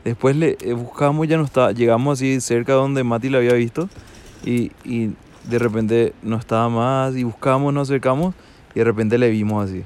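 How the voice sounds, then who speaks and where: A man telling a story casually, halting and laughing at himself. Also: medium pitch, fairly even intonation, darkish tone, clear, resonant tone.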